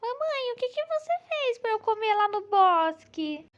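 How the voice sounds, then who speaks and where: Lady playing a happy little girl doll, super high squeaky voice, kinda whiny. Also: sing-song, a little slow, highs cut off, exaggerated voice. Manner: sweet whiny childlike voice.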